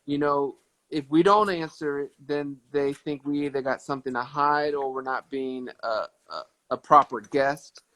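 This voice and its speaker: A man in his thirties hosting a casual livestream chat with a fan, warm and often repeating words as he thinks. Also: a little high, steady tone, normal speed, poor audio. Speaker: livestream host. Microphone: phone on a live video stream.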